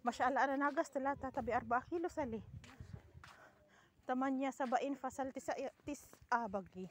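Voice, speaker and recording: A woman's voice: high voice, moderate pace, a little hiss or hum. A woman vlogging outdoors on a farm hillside, chatting with her viewers and exclaiming often. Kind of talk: casual vlog chat to viewers.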